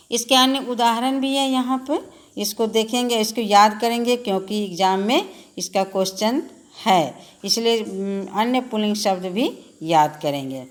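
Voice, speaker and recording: A woman teacher giving a lesson to children, reciting word forms in a sing-song drill and speaking to them patiently. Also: medium pitch. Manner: addresses children directly, patient and instructive.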